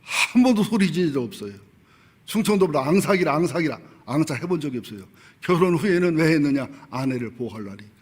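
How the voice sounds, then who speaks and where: A man's voice: on the high side, lively intonation, fast talker, slightly rough. A middle-aged male pastor giving a sermon, telling personal stories candidly and with humor, acting out the voices he quotes.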